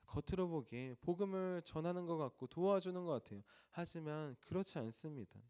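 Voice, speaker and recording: A man's voice: on the high side, animated, a little fast, a little mellow, clean tone. A male pastor preaching an early morning sermon in a church, asking the congregation questions and then answering them himself.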